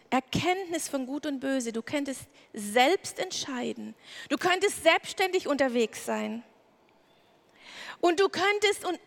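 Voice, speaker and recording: A woman preaching a sermon, retelling a Bible story vividly and acting out the characters' lines. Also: high voice. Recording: long hall reverb.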